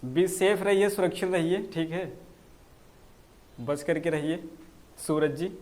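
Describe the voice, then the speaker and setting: A man with a notably high voice leads a live online grammar class. He answers viewers' comments as they arrive and drags out the key terms, saying each one again and again so it sticks. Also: slow pace, darkish tone. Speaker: English grammar teacher.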